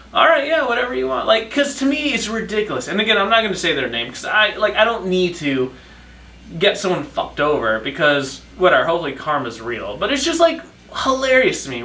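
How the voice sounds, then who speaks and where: A man's voice: sits high, pushed and bright. A young man hosting a podcast, telling rambling stories in a sarcastic, profane, casual way. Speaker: podcast host. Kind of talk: casual storytime monologue. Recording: echoey room, distant mic.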